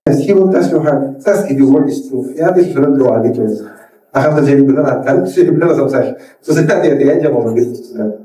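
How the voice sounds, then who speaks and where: Animated male preacher in an echoey hall. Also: fast talker. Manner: mixes English phrases into Indonesian, addresses the crowd as saudara; acts out quoted dialogue with sudden pitch jumps. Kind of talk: sermon. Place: church hall. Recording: echoey church hall from far off.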